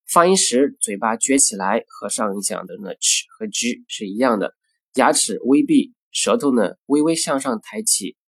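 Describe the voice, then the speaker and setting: A man's voice: medium pitch, sing-song, moderate pace, gravelly, breathy edge, no echo. A man teaching English pronunciation, speaking carefully and saying each word twice as a model. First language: Chinese. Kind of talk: recorded phonetics lesson.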